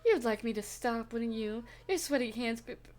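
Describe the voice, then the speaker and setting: Woman reading as a bitter, jealous schoolgirl who sneers insults, lively swings, a bit higher. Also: moderate pace, lightly acted. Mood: sneering. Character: spiteful gloomy teenage girl, jealous and obsessive. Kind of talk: reading game dialogue aloud.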